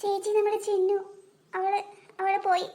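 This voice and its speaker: A woman voicing an excitable little boy in a cartoon, pleading and emotional. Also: extremely high pitch, normal speed. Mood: upset. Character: excitable little boy, protective younger brother. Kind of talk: cartoon voice acting.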